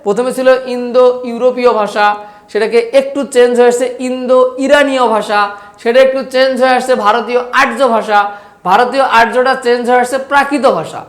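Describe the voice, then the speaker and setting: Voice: mid-range voice, steady tone, fairly quick. Repetitive teacher with Bangladeshi Bengali accent. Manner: repetitive, asks questions and answers them. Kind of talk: online class lecture with slides. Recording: roomy echo.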